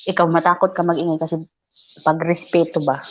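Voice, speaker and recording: A woman casually telling a story, animated, acting out what people said and laughing often. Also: fairly quick. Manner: animated, acts out quoted lines in a higher voice, laughs often. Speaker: live stream guest telling a story. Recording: dull lo-fi live stream audio.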